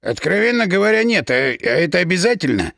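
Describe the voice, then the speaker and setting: A man's voice: high voice, sing-song, a little fast, gravelly, fairly bright tone, no echo, clean studio sound, heavily acted. A man voicing a lazy, boozy male inventor with an ironic, weary manner.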